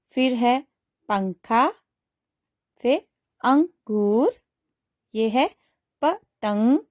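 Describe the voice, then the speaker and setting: A woman's voice: mid-range voice, creaky, darkish tone, no echo, clean studio sound. A woman teaching a primary school phonics lesson, sounding out each word syllable by syllable for young students. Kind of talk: slow spelled-out phonics lesson.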